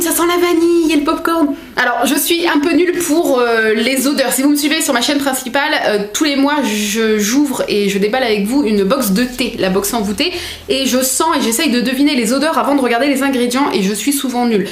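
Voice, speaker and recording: A young woman chatting as a book vlogger, excitable and full of fillers. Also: sits high, fairly quick. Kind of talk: casual unboxing chat. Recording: echoey room.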